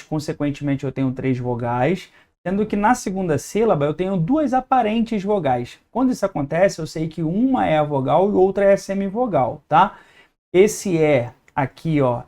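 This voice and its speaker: A man's voice: a little high, darkish tone. A man with a Brazilian Portuguese accent teaching an exam-prep lesson at a whiteboard, explaining step by step and checking in with his students.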